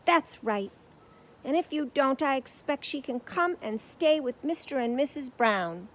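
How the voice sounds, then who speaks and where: A woman's voice: sits high, animated, a little slow, voice pushed up, low-quality recording. A woman voicing a polite, earnest small young bear who speaks patiently and firmly in a storybook.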